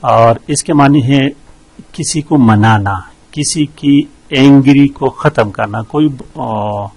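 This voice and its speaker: Slow, husky-voiced man teaching. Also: mid-range voice, a little mellow, dry recording, rough recording. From Pakistan. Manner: slow, methodical, many hesitations. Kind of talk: explaining vocabulary quiz answers.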